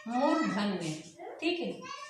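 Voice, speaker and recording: A woman teaching an exam-prep grammar lesson, her voice sitting a little high and ringing off the walls of an echoey room. She poses questions to the class and answers them herself. She stretches out each vowel sound slowly so it can be copied. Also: huge pitch swings, heavy background noise.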